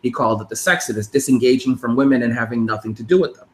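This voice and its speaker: A man in his thirties hosts a casual talk and rambles from point to point, often restarting his sentences. His voice sits at a middle pitch. The recording is roomy and echoey. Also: very fast. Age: 30s. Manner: rambling, with frequent restarts and laughs. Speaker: podcast host. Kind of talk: casual interview chat.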